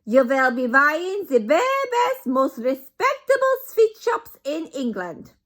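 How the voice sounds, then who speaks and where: A woman voicing a vicious, imperious female witch leader who shouts in broken, bossy grammar. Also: high voice, sing-song, measured pace, pitched above the performer's own voice, heavily acted. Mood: ranting.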